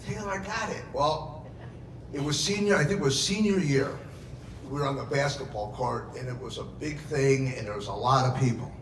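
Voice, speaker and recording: A man's voice: mid-range voice, moderate pace, fairly bright tone. A middle-aged man giving a heartfelt father of the bride speech at a wedding reception, telling family anecdotes. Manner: heartfelt, anecdotal storytelling with dramatized quotes. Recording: echoey, noisy event room, distant mic.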